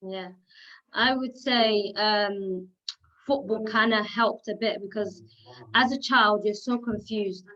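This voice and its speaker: A woman's voice: medium pitch, steady tone, slow pace, pushed and bright. A young woman from Somalia, a football referee, telling her story in a chatty, casual way on a video call, acting out the dialogue she quotes and filling her speech with "like". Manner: chatty, acts out quoted dialogue, many "like" fillers. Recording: slightly dull lo-fi call audio.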